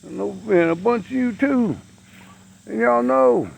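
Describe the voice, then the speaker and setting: A man's voice: very high voice, measured pace, creaky, low-quality recording. A man, ranting bluntly and profanely to camera outdoors as a vlogger. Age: 60s.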